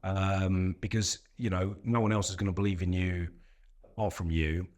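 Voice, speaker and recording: Middle-aged guy on a podcast, kinda low voice, chatty and reflective. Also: flat delivery, normal speed, a little mellow. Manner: reflective, storytelling. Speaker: podcast guest, coach. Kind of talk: casual interview conversation.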